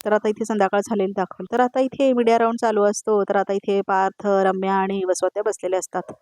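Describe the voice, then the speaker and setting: A woman's voice: mid-range voice, fairly even intonation, fast talker, a little mellow, dry recording. A woman narrating a television serial recap as a voice-over, in repetitive storytelling phrasing.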